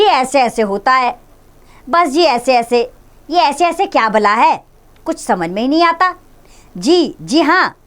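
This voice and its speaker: A woman's voice: high-pitched, a bit bright, voice pushed up, heavily acted. A woman reading a flustered father. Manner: hurried, explaining. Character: flustered father of sick boy.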